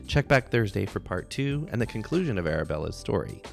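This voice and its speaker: A man hosting a podcast, introducing a guest in measured narration and then interviewing her with brief murmured acknowledgments. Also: fairly low pitch, very animated, creaky, faint music behind. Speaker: podcast host.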